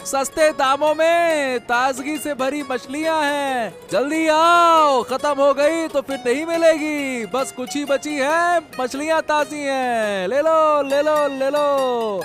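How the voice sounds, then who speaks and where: A man voicing a cheerful, honest village fishmonger in a cartoon, loud and hawking. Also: sits high, big pitch swings, moderate pace, soft background music. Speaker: fish seller. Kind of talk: animated cartoon dialogue.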